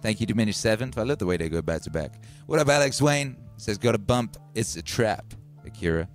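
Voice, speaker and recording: Man, Welsh and Birmingham accent, lowish voice, casual live-stream chatter. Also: a little fast, soft background music. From Wales. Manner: excitable, swearing, thanking viewers by name. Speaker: music producer hosting a live stream.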